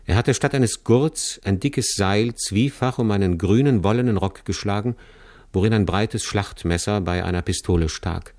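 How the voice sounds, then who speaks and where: A man with a low voice reads a literary tale aloud in the first person, measured and serious. The sound is dry and close, with no room echo. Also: a little mellow. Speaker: audiobook narrator. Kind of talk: scripted literary narration.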